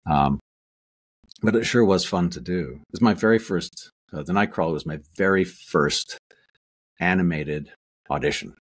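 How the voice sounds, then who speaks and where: A middle-aged actor with a low voice talks at normal speed during a laid-back interview where he's the guest. Calling in by video from a small room at home, he rambles, frequently restarting and drifting into asides, with a webcam as his mic.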